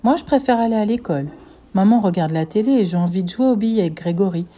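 Femme lisant un récit, voix chaude. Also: female voice, medium pitch, lively intonation, fast, warm tone. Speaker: reader. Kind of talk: storytelling narration in a child's first person.

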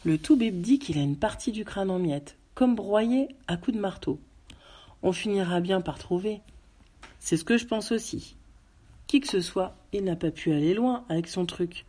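A woman's voice: medium pitch, animated, normal speed, dark tone, breathy edge. A woman voicing a group of hungry policemen talking bluntly over a meal. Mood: casual. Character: hungry policemen eating, men, casual.

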